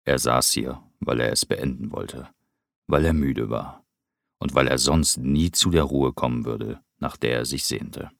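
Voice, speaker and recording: A man narrating an audiobook in a measured, somber storytelling manner. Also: rumbling low, gravelly, no echo, studio quality.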